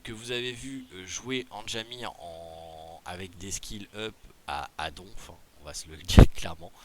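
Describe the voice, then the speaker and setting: A man's voice: mid-range voice, pushed and bright. A man with a Quebec French accent explains a game promotion in a casual tutorial, reading rules aloud and then chatting loosely with fillers and asides. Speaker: gaming video creator.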